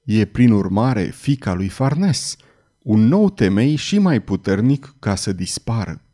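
A man voicing a cold, menacing woman in an audiobook, speaking in a hushed, level, eerily calm way. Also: lowish voice. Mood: coldly calm. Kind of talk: audiobook character voice.

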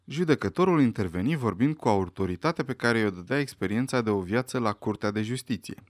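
Expressive male audiobook narrator. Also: lowish voice, no room sound, clean studio sound. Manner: expressive, dramatic. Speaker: audiobook reader. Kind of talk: scripted narration.

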